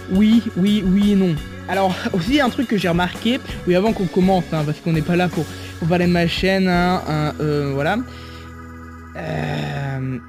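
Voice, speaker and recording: A young man with a high voice talks through a mobile game review in a loose, rambling way. He jokes at his own expense and drifts between asides, with faint music behind him. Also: darkish tone. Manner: rambling, self-mocking, joking. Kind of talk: casual game review vlog.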